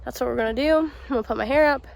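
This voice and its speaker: Chatty high-voiced young woman. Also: very fast, gravelly. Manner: chatty, rambling, with many ums and sos. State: out of breath and sweaty. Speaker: vlogger. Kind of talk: casual garden vlog. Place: outdoors in a home garden.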